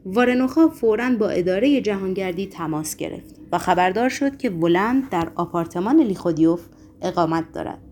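A woman's voice: on the low side, a little mellow, slight background noise. A woman narrating a novel as an audiobook reader, lifting her voice for quoted lines.

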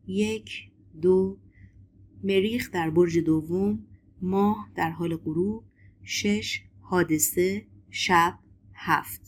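A woman voicing a mysterious foreign man who talks in a calm, assured and cryptic way in an audiobook. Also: medium pitch, a little hiss or hum, lightly acted. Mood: muttering.

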